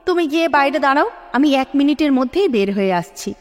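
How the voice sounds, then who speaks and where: A woman's voice: sits high, expressive, a little fast. A woman playing a nervous, pleading young wife. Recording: long hall reverb, soft sitar music.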